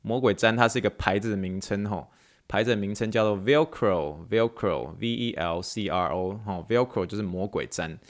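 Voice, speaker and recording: A man's voice: fairly low pitch, normal speed. A man with a Taiwanese Mandarin accent, a physical therapist hosting a casual podcast lesson, chatty, repeating words, dropping English words into his talk and spelling them out letter by letter.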